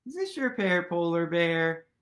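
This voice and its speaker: In a small room at home, a man in his thirties gives an animated read-aloud of a children's picture book, full of playful, exaggerated wonder and questions for his listeners. His high voice is very animated, a touch bright, and a little slow.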